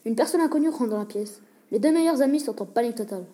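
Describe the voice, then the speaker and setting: A woman reading a short school story aloud in a plain, even way. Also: a little high, fast. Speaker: story reader.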